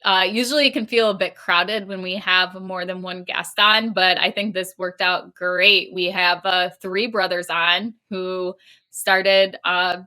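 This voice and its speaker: A woman's voice: lowish voice, fairly even intonation, measured pace, sharp tone, clean tone. A woman co-hosting a podcast, introducing guests in a chatty way with some fillers. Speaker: podcast co-host. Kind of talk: casual podcast interview.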